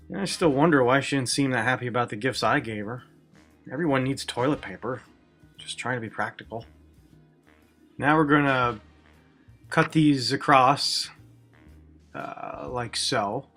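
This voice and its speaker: A man's voice: mid-range voice, bright, forceful tone. A man hosting a cooking video, walking through a recipe step by step with wry, self-deprecating jokes. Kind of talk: cooking demonstration with jokey asides.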